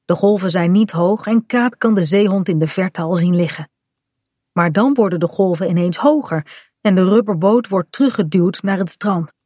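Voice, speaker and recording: A woman narrating a children's storybook in a clear, even storytelling manner. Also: lowish voice, normal speed, no room sound, clean studio sound.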